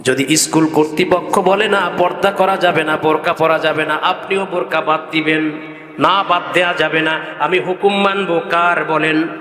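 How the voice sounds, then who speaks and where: A man's voice: fairly high pitch, steady tone, moderate pace, pushed and bright. A man preaching a sermon who chants scripture in a singing voice and keeps calling questions out to the congregation. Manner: chanting Quranic verses, calling out questions to the crowd. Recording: echoey hall, long reverb.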